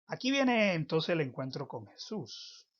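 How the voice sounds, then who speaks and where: A man teaching a Bible lesson in a preaching style, with emphatic, drawn-out phrasing and sudden loud stresses. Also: fairly high pitch, very animated. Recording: dull lo-fi recording.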